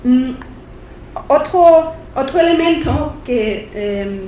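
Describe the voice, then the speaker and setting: The recording is muffled, capturing a high-pitched, expressive woman speaking slowly in an echoey lecture hall with faint noise. A visiting lecturer with a German accent and non-native English, she gives a hesitant academic conference talk at a university, with many fillers and restarts.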